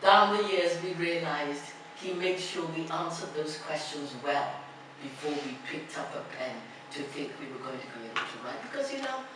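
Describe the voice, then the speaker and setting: An older woman from Ghana giving a lecture at a podium in a large hall, first chanting a poem in a slow, rhythmic way, then telling stories in a reflective tone. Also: deep voice. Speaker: alumni speaker. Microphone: podium mic, recorded from a far camera. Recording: distant, very echoey hall recording with noise.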